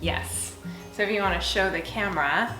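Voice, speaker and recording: A bubbly, chatty woman hosts a cooking demonstration in a kitchen. Her voice rings in an echoey room, and loud music plays underneath. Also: mid-range voice, normal speed. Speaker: cooking show host.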